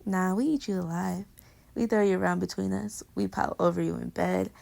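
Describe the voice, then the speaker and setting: Brisk and gravelly, with a mid-range pitch, fairly even intonation and a darkish tone, a woman voices a young girlfriend in an intimate roleplay audio. She's clingy and playful, teasing affectionately while rambling between murmurs and exclamations.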